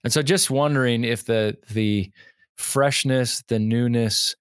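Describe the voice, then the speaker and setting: A man's voice: mid-range voice, measured pace, smooth, no room sound, clean studio sound. A man who coaches pastors, talking casually on a podcast and quoting hymns and Scripture with rising emphasis.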